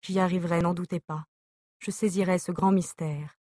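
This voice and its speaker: Brief: woman audiobook reader, measured letter reading, lowish voice, dry close sound. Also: steady tone, mellow, dry recording. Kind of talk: reading an epistolary novel aloud.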